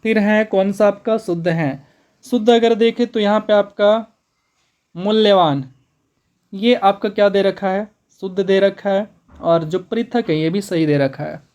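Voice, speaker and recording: High-voiced man teaching exam prep. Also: a little mellow, clean tone, highs cut off. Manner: brisk, repetitive, addresses students as bhaiya. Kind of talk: spoken exam-prep lesson.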